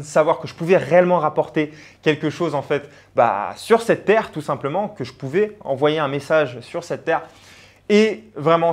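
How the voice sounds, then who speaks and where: A young man, a personal branding coach, talking earnestly and directly to the viewer in a motivational vlog, with frequent fillers. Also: on the high side. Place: abroad on travel.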